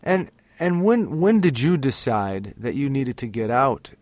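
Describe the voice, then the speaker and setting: A man's voice: mid-range voice, big pitch swings, unhurried, a little mellow. A man interviewing a guest over the phone, hesitant and sympathetic, stammering as he restarts.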